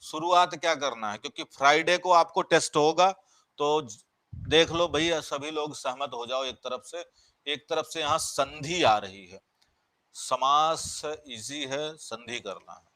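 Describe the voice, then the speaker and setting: Bright-voiced male grammar teacher. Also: a little high, a little slow, no room sound. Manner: explains by repeating and asking the class questions. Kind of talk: live online grammar class.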